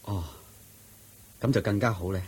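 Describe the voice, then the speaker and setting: Here a man plays a devoted disciple in a 1980s-style radio drama, earnestly and respectfully explaining at length. His voice is on the low side, a little mellow and husky, at a moderate pace.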